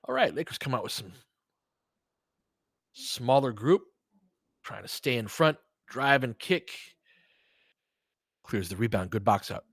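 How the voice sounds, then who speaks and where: This sports podcast host and live play-by-play commentator has a mid-range, slightly bright voice that is creaky and a little rough, and he talks a little slowly with long pauses while staying very animated. On his stream he chats casually with listeners, offering thoughtful, somewhat hesitant, conversational commentary, and the recording is dry.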